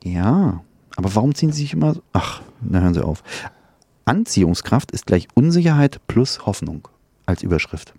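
A man's voice: on the low side, big pitch swings, moderate pace, vocal fry, dark tone, husky, no room sound. A middle-aged man co-hosting a radio show, teasing his partner and reading out study findings in a dry way. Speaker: radio co-host. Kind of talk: casual chat.

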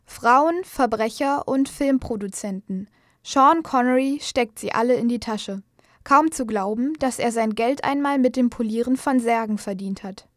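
A woman's voice: on the high side, a little slow, dry recording. A woman reading scripted biographical news narration as a voice-over. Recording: dry studio voice-over.

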